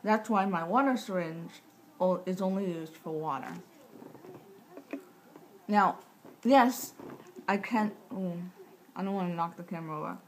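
A woman's voice: fairly low pitch, unhurried, pauses often, poor audio. A woman in her thirties chatting casually to the camera with tight-jawed speech, rambling and matter-of-fact as she interrupts herself. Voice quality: tight-jawed speech from recent jaw surgery. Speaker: vlogger sharing surgery recovery tips. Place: small living room, indoors. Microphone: camera mic at about arm's length. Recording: clear background room noise.

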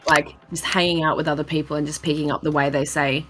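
Low-voiced woman with broad Australian accent. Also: little pitch movement, fast talker, background noise. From rural South Australia. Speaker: speedrun racer. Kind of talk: casual chat while racing. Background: video game music.

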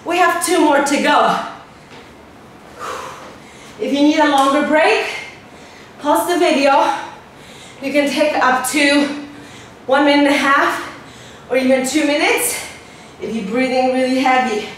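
A woman with a high, slightly bright voice coaches a workout as a fitness instructor, giving short encouraging cues and sounding out of breath as she exercises along. She speaks unhurriedly and pauses often. The recording is roomy and distant, with slight background noise.

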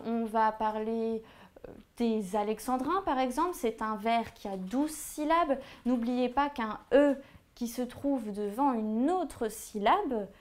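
Young woman teacher going over exam revision, lots of euh, slightly high voice. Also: a little mellow. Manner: hesitant, many "euh" fillers. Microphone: writing on a board while talking.

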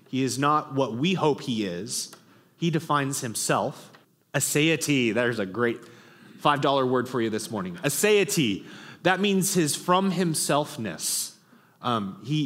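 A man's voice: mid-range voice, fairly bright tone. A man teaching a classroom literature lesson, reading passages aloud and posing questions to the class, with frequent ums, in a classroom with a long reverb.

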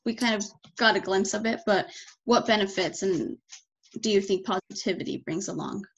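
Woman interviewer with a gravelly voice. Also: medium pitch, normal speed, highs cut off. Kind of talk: interview questions.

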